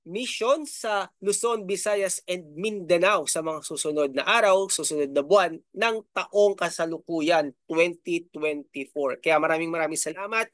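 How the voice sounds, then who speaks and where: Speaking at a measured pace in a slightly high, slightly bright voice, a middle-aged Filipino YouTube host gives casual commentary. He's chatty, leans on fillers, and frequently uses "no?" and "di ba?". The audio is studio quality without echo.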